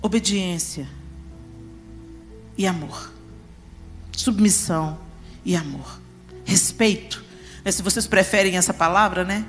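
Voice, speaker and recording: A woman's voice: on the low side, slow, long pauses. A woman preaching a sermon at a church family congress, speaking emphatically and putting questions straight to the congregation. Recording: reverberant church hall with music.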